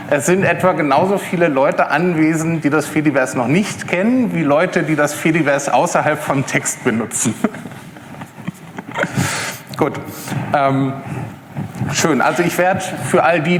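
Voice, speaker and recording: At a live tech talk, a Berlin man with a slightly high voice addresses an audience in a lecture hall. His delivery is hesitant, full of fillers and restarts, and the hall's long reverb makes it echoey, with a little background noise.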